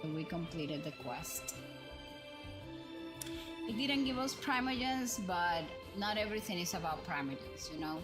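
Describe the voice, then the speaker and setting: A livestream host with a voice on the low side speaks a little slowly, animated but with long pauses. Her commentary as she plays is casual and rambling, like thinking aloud, and music plays behind her.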